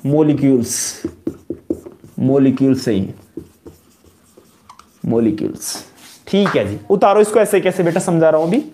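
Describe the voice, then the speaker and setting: Rajasthani-accented male lecturer, higher voice, drilling terms by repetition, classroom at the board. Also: unhurried, pauses often, mellow, a little hiss or hum. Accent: Rajasthani-tinged Hindi. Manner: repetitive call-and-response questioning, calls students "beta". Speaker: college chemistry lecturer.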